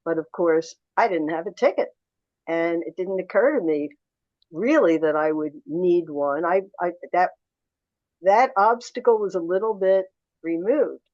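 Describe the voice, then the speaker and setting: A woman's voice: fairly low pitch, a little slow, a little mellow, no echo, highs cut off. An older woman from suburban Philadelphia, a guest telling reflective stories in an interview. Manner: reflective, anecdotal, with restarts and quoted dialogue. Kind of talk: storytelling interview answers.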